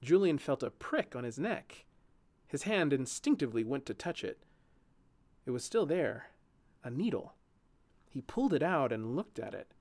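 A man narrating a fantasy story as an audiobook with an expressive, lively reading; he also hosts his own channel. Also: medium pitch, moderate pace, pauses often.

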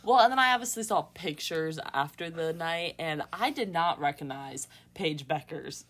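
A woman's voice: deep voice, lively intonation, normal speed, fairly bright tone. A woman co-hosting a sports podcast in a chatty, informal way, with slight trouble on her R sounds. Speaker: podcast co-host. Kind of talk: casual sports podcast chat.

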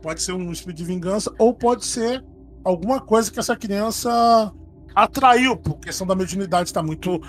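A man's voice: high-pitched, moderate pace, faint music behind. A man with a Brazilian accent telling a spooky story to friends in a casual chat, acting out the quoted lines. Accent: Brazilian Portuguese. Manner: animated retelling, acts out quoted lines.

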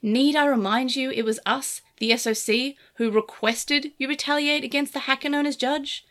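A woman's voice: high voice, animated, voice pushed up. A woman doing a pretentious scheming Digimon. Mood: cool. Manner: pretentious, measured.

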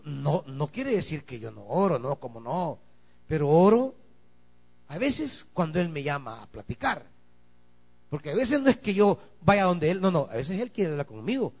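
Male pastor, high and very lively delivery, alternating murmurs with shouted emphasis to the church. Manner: swings from quiet asides to shouted emphasis, calls to the congregation. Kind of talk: sermon.

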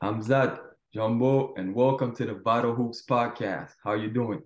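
A podcast host with a mid-range voice speaks steadily and unhurriedly, conducting a casual interview in an informal, affirming, conversational way. The recording sounds echoey and roomy.

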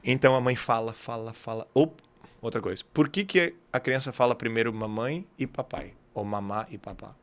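A man's voice: mid-range voice, moderate pace. A man, an English teacher, talking as a guest in a casual podcast conversation, explaining emphatically with lots of slang.

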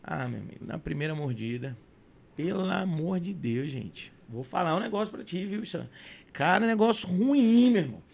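Brief: young man, podcast guest, high and gravelly, animated storyteller. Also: moderate pace, slight background noise. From Brazil. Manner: animated, acts out dialogue. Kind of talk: casual storytelling.

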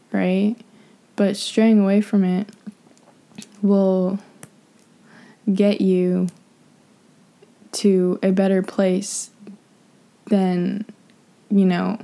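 Profane, rambling young woman with a gravelly voice. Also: medium pitch, mellow. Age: young adult. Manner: frank, profane, rambling with many fillers. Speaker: podcast host. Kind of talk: casual advice monologue.

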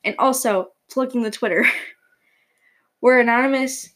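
A woman's voice: on the high side, takes it slowly, a bit bright. A teenage girl co-hosting a podcast, making show announcements in casual chat, flustered and stumbling over her words. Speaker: podcast co-host.

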